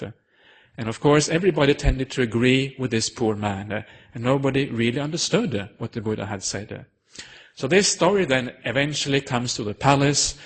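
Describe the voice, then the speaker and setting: Male Buddhist monk, storytelling sermon, husky mid-pitched voice, unhurried with many fillers. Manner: unhurried, with frequent hesitant fillers. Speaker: Buddhist monk giving a Dharma talk.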